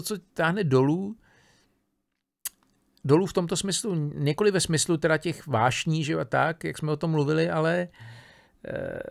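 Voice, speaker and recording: A man with a slightly raised, gravelly voice lectures on philosophy. He thinks aloud in a loose, conversational way, breaking off sentences and checking in with his listeners as he goes. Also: on the high side. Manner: casual, thinking aloud with many fillers, restarts and tag questions. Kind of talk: informal spoken lecture on a philosophy text.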